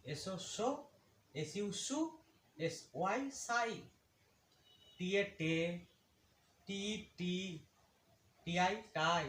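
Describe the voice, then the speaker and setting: Slow sing-song male phonics teacher. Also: sits high, a bit bright. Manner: slow, drilled recitation in sing-song rhythm. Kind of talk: phonics lesson, reciting letter sounds. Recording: echoey room with faint background noise.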